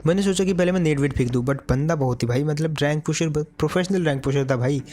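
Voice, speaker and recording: Fast-talking man narrating his gameplay. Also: on the high side, warm tone. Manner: chatty, calls the viewers "brother". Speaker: mobile game commentator. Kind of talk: casual gameplay commentary.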